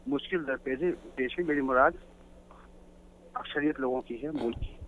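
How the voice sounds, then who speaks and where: A man's voice: mid-range voice, a little hiss or hum. A man calling in to a talk show, explaining his views earnestly in a lecturing way. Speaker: guest caller. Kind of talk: phone-in talk show discussion. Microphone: telephone. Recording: tinny phone line.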